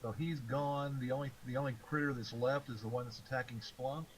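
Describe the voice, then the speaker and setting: A man's voice: medium pitch, fairly even intonation, fairly quick, rough recording. A man playing a tabletop game, casual and joking with his friends. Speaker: player. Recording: faint hiss.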